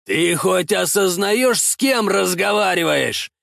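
Guy doing shouty mustached zealot thugs, yelling and mocking, high and swingy, dry close sound. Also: animated, slow pace, vocal fry, no room sound, exaggerated voice. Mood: haughty demanding. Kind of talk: audiobook character voice.

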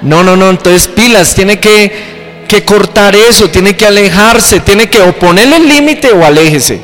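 High-voiced man preaching. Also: a little slow, in a large hall, soft background music. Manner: animated preaching with acted-out quotes. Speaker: pastor. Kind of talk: sermon.

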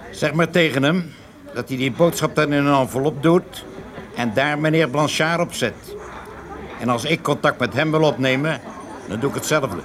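Against a backdrop of café chatter, this radio drama dialogue features an actor as a man passing secret information through offhand small talk. The voice is natural, leaning high and fairly bright, and the mood stays casual but wary.

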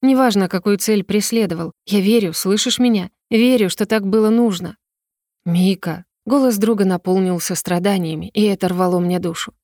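A woman reading a story aloud in the first person as an audiobook narrator, with an emotional delivery that rises in pitch on the heroine's own lines. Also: a little fast, few pauses, darkish tone, dry recording, clean studio sound.

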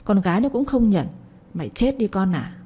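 A woman's voice: medium pitch, big pitch swings, normal speed, dark tone, slightly rough. A woman reading an enraged old village father. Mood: furious. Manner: scolding, contemptuous. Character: angry older village father, harsh and scornful.

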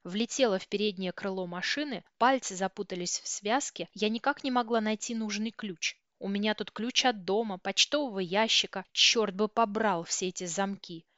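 A woman reading a first-person novel aloud with steady, tense storytelling. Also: mid-range voice, no echo, lo-fi sound. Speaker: audiobook reader.

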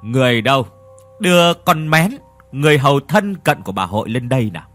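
A man's voice: medium pitch, lively intonation, brisk, a bit bright, faint music behind, lightly acted. Man doing a cold firm young daughter.

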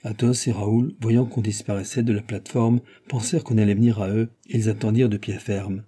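A man reads a novel aloud in a dark, mellow voice with a husky edge. His narration is lively, and he lifts his voice sharply whenever characters shout. The tone stays low and warm throughout. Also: brisk. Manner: lively reading, raising his voice for shouted lines. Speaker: audiobook reader. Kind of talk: scripted narration.

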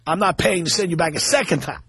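A man's voice: sits high, fast, a bit bright, breathy edge, no room sound, studio quality. A man hosting a call-in radio show, mocking and arguing with a caller and cutting in constantly. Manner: mocking, argumentative, interrupts constantly. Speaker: radio talk show host. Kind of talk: combative call-in radio talk.

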